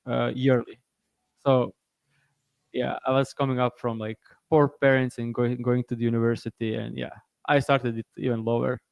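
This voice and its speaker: A man from Croatia, co-hosting a sports betting podcast in casual chat, halting and full of restarts and fillers. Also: mid-range voice, gravelly, a little mellow, no room sound, dull audio.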